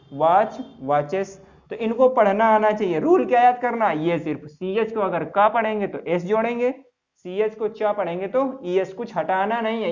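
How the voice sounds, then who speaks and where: During a classroom grammar lesson in English, a man spells words one letter at a time and keeps asking his students the same questions. His voice sits high and is a little mellow, and the audio is muffled and low-fidelity.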